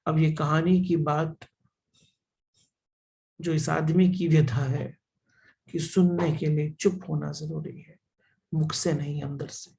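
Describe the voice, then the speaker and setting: A man giving a spiritual discourse, telling a parable slowly and deliberately and repeating phrases for emphasis. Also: fairly high pitch, flat delivery, gravelly, dark tone, poor audio. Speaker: spiritual teacher.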